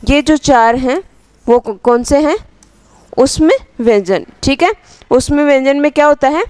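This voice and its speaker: A high-pitched woman with a darkish tone runs a grammar lesson without any echo. She asks the class questions, answers them on her own, and repeats phrases slowly for dictation.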